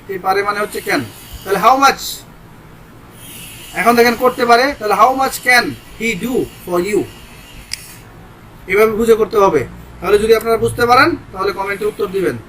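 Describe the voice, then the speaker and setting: Man, Bangladeshi accent, English teacher, high voice, bright tone, step-by-step explaining, faint hiss behind. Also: moderate pace, pauses often, poor audio. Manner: explains step by step, mixing Bengali with English examples. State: sweating in a hot room. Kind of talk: informal grammar lesson.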